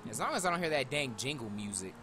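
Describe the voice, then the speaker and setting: A man's voice: medium pitch, sing-song, quick pace, noisy background. Grumbling man on a headset mic. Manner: grumbling, teasing trash talk. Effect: livestream headset mic audio. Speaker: gamer streaming with friends. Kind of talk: casual gaming banter.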